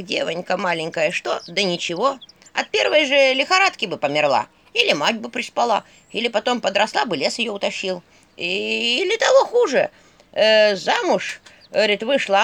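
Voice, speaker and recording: A woman's voice: a little high, big pitch swings, moderate pace. A woman doing an old folksy skull-staff crone. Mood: justifying. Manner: folksy, drawling, rustic speech. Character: old female talking skull-staff, sly and matter-of-fact.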